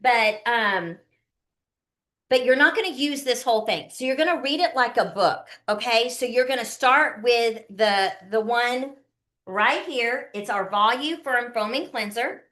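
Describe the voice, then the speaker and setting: A woman in her early 50s, a skincare consultant, hosts a live online demo with chatty, folksy instruction, often checking in with her listeners. Her voice is fairly high and fairly bright, and she speaks a little slowly.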